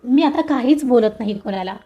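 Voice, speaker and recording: A woman's voice: fairly high pitch, lively intonation, a little fast, dull audio, soft background music. A woman voicing a young man who is loving but angry and scared, speaking agitated with a raised voice.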